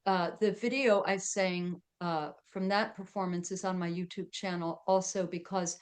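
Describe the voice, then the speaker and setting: Middle-aged woman, podcast guest, smooth resonant voice, chatty, laughs often, video call. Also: on the low side, fairly even intonation, normal speed. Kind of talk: casual interview chat.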